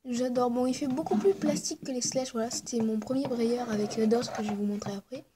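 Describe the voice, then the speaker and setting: A woman talks through her collection in a relaxed show-and-tell vlog. Her voice sits a little high, and she hesitates often, with frequent fillers and soft, half-whispered asides. A faint hiss sits under the recording. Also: fast talker. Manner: hesitant, full of "euh" and "voilà" fillers. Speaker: vlogger showing her figurine collection.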